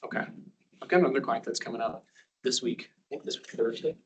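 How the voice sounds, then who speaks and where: A hoarse man, losing his voice, chatting easily before a user group meeting he runs. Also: mid-range voice, fast talker, recorded from a distance, low-quality recording. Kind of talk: casual chat.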